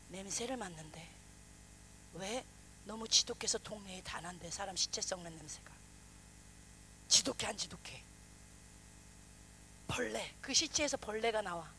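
A woman pastor preaching a sermon, animated, questioning the congregation and acting out quoted voices. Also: mid-range voice, a little hiss or hum.

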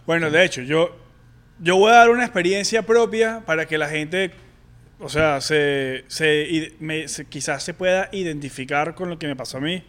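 A man's voice: a little high, normal speed, fairly bright tone. A man, co-hosting a casual podcast and candidly telling a personal story with many restarts and fillers. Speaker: podcast co-host. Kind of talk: casual chat.

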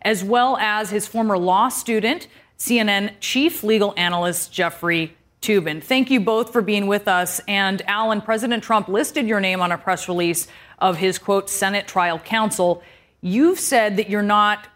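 A woman anchoring a political news program, reading the intro crisply and then pressing her guest for clear answers. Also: mid-range voice, normal speed, a bit bright.

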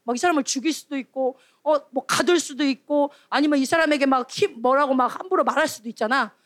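This is a woman preaching to a youth retreat with a high, bright-pitched voice. She is animated, keeps calling out questions, and breaks into little acted-out scoldings. The sound is close and dry. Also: fast talker, no echo. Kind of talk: lively sermon to children and teens.

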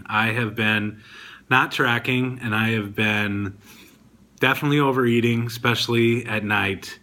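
A man's voice: mid-range voice, bright, forceful tone. A man hosting his own video podcast, talking casually and rambling a bit with frequent ums. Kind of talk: casual diet vlog talk.

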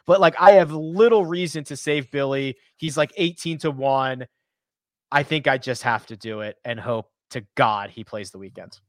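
Closing out his sports betting podcast, this male host keeps things energetic, chatty and upbeat as he signs off. The recording is dry, and his mid-range voice moves at a normal speed.

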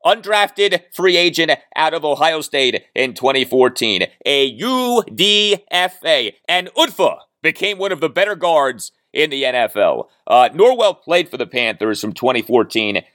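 A man's voice: fairly high pitch, big pitch swings, normal speed, few pauses, fairly bright tone, no room sound, clean studio sound. A man hosting a solo sports podcast, giving emphatic analysis and repeating his key points. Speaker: podcast host.

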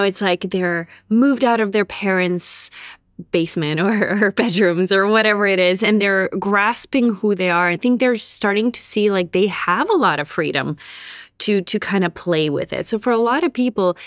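A woman's voice: mid-range voice, normal speed, dry recording, clean studio sound. A woman from Bosnia who later moved to Canada, speaking as an interview guest in an articulate, reflective, conversational way, often illustrating points with everyday examples. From born in Bosnia, raised in Serbia and Canada. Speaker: interview guest, author and therapist.

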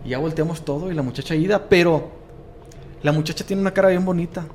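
A guest storyteller known for paranormal content, this man has a Mexican accent and a voice on the high side, moving at a quick pace against slight hiss or hum. His casual, slang-heavy telling of a paranormal story is animated, with quoted people given their own acted-out voices.

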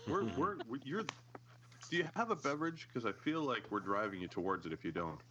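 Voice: medium pitch, lively intonation, a little fast, a bit bright, muffled recording, a little hiss or hum. A quizmaster in a casual trivia chat, playful and joking. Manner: playful, joking, self-aware.

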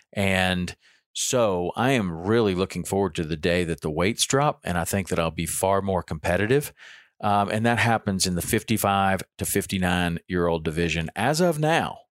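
A man in his fifties hosts a casual solo podcast monologue, chatting on his own with frequent ums and restarts. His voice sits low with a slightly bright quality, recorded clean in a studio with no echo.

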